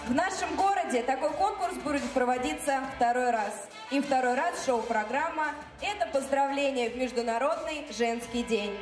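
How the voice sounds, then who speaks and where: A woman's voice: sits high, moderate pace, hardly any pauses. A woman hosting a stage show, reading scripted introductions in a formal, ringmaster-like ceremonial way. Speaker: contest host. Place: large theatre stage, indoors. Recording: echoey hall from far off, loud music behind.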